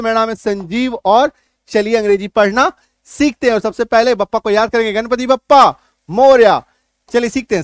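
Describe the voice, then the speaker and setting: Male English teacher, video lesson, repeats sounds loudly, rhetorical questions, dry recording. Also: extremely high pitch, no echo. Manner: asks rhetorical check questions. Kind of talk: classroom-style video lesson.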